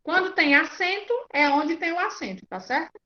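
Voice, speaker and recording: A woman's voice: very high voice, very animated, normal speed, sharp tone. A Brazilian woman teacher giving an online class, patient and checking often that her students follow. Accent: Brazilian Portuguese. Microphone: video call. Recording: muffled lo-fi video call audio.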